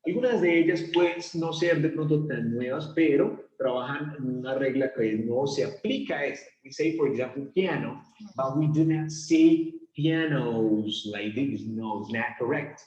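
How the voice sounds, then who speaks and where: A man teaching an English grammar lesson to Spanish speakers, asking the class questions and drawing out example words slowly. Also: mid-range voice, a little mellow. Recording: echoey room, dull lo-fi sound.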